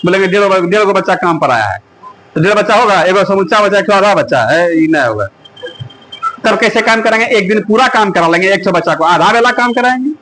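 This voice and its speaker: A man's voice: sits high, a bit bright, slight background noise, poor audio. A man teaching a classroom math lesson, often stopping to ask the students whether they follow. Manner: coaxing, keeps asking the class if it is clear. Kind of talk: classroom lecture.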